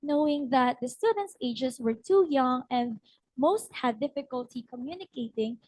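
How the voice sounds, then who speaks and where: A young woman tells a short story-style presentation at a ceremony, her somewhat high voice husky and strained. She pauses often with fillers as she goes. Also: expressive, a little mellow, dry recording, rough recording. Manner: hesitant with frequent fillers. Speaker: student practice teacher presenting. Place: ceremony hall.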